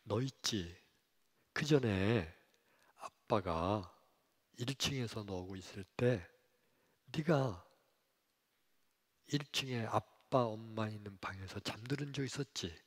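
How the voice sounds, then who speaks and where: Man as a soft-spoken comforting father. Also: lowish voice, slow pace, long pauses, breathy edge, exaggerated voice. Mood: tender. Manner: soft, tender, reassuring. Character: gentle father comforting his dying daughter.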